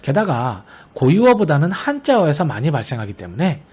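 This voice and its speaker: A man teaching an online grammar lesson. He explains patiently, sounds out example words slowly, and often checks that the class is following. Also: fairly high pitch, huge pitch swings, a little mellow, breathy edge. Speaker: Korean language teacher.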